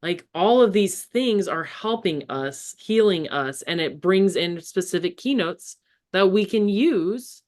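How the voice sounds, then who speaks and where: A woman's voice: on the low side, animated, a little slow, darkish tone. A woman hosting a spiritual podcast, enthusiastic and encouraging in casual chat. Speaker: podcast host.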